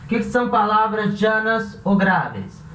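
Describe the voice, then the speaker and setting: Patient Brazilian teacher in an echoey room. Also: male voice, high-pitched, very animated, sharp tone. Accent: Brazilian Portuguese. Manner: slow, patient, spells out syllables and repeats examples. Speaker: Spanish teacher. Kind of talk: classroom lesson at a board. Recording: roomy echo from a distant mic, faint background hum.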